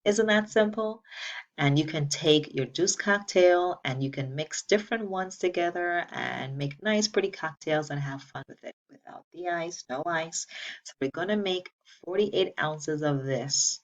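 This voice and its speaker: An upbeat woman leads a pre-op class with a playful manner, drilling the key rules and getting the class to repeat them. Her voice sits a little low and is heard from some distance from the mic, with a dull, lo-fi sound. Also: unhurried. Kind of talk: recorded patient education class.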